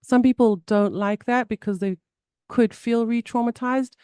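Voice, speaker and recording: Speaking earnestly as a guest in a conversational interview, a South African somatic therapist often restarts sentences and repeats words. Her voice sits fairly high, with a steady, dark, clean tone at a normal speed. The studio-quality recording has no room sound.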